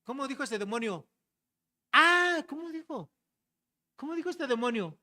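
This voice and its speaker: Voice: medium pitch, animated, a little fast. A pastor preaching an expository sermon, speaking directly to the congregation and often adding tag questions to check they follow. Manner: direct, rhetorical questions, frequent "¿verdad?" tag; explains verses to the congregation, addressing them as brothers.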